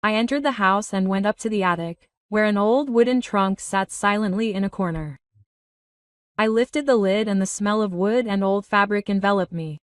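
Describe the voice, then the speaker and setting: A woman reading a first-person story in a steady, even narrating voice. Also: medium pitch, moderate pace, no echo, clean studio sound, far from the mic.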